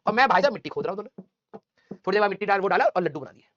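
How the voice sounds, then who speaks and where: Guy teacher rattling off a story to his class, voice jumps all over, a bit muffled. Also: sits high. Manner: animated, quick storytelling with chatty asides to students.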